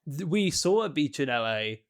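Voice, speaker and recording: A man co-hosting a podcast in casual chat, animated and joking, often breaking into laughter. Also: on the high side, moderate pace. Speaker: podcast co-host.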